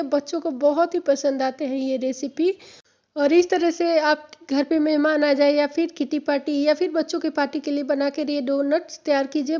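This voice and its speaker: A home cooking channel host, a woman with a high-pitched, mellow and slightly hoarse voice, guides viewers step by step through a home recipe, patiently repeating each stage in a friendly, instructive way. The sound is dull and lo-fi, like a phone held above a kitchen counter.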